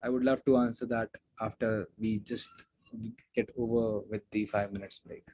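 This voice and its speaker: A man's voice: fairly low pitch, fairly even intonation, normal speed, darkish tone, no room sound. Chatty man giving webinar advice. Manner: casual, chatty, off-the-cuff advice. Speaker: guest speaker at an online security meetup. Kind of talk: live webinar talk answering chat questions.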